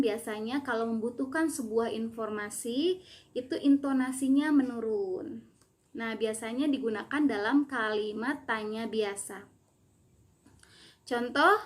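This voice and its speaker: A woman teacher giving a remote lesson, patiently explaining and reading example questions aloud. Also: fairly high pitch.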